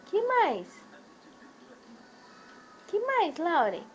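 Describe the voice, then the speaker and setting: Brazilian woman on a home video, high lively sing-song baby talk, slow and coaxing, dull lo-fi sound. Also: soft background music. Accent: Brazilian Portuguese.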